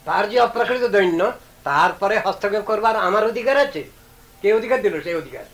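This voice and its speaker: A man giving an earnest devotional discourse, reasoning aloud and reciting verses slowly. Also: sits high, expressive, a bit bright, rough recording. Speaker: religious speaker.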